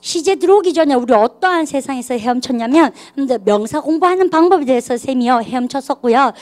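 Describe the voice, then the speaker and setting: A woman teaching an English grammar class, lively and coaxing students to repeat phrases aloud. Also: high-pitched, fast. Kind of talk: classroom lecture.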